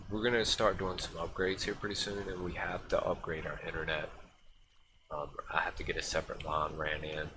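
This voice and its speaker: A man streaming a fishing game, rambling and thinking aloud with lots of fillers as he chats to viewers. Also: deep voice. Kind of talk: casual live-stream gameplay commentary. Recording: steady background noise.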